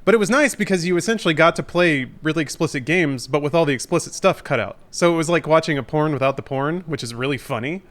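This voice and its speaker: A man's voice: a little high, quick pace, few pauses, fairly bright tone. A man co-hosting a podcast, telling a story in a wry, casual way. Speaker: podcast co-host. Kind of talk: casual chat.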